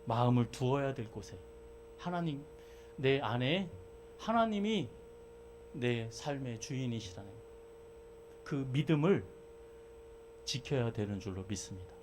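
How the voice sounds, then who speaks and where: A male pastor preaching a sermon who moves between loud fervent exhortation and relaxed, chatty storytelling. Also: medium pitch, unhurried, long pauses, slight background noise. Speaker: senior pastor.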